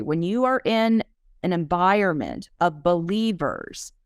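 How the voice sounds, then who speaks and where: A woman's voice: lowish voice, clear, resonant tone, dry recording, clean studio sound. A woman hosting a faith-based business podcast, teaching in an emphatic, preachy way and reading testimonials aloud. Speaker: podcast host and business coach. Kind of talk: motivational teaching talk.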